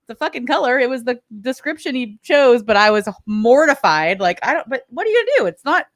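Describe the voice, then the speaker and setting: A woman's voice: high voice, very animated, fairly quick, dry recording. Woman cohost, chatty mom story, voice rises and falls a lot, dry close sound. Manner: candid storyteller, laughing while she tells it. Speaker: podcast co-host, mother. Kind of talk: casual chat.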